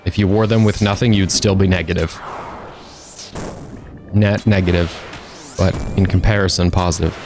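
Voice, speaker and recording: Low-voiced man, chatty gameplay banter. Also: steady tone, moderate pace, long pauses, over music. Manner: joking, rambling, chatty. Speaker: streamer. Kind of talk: casual gameplay commentary.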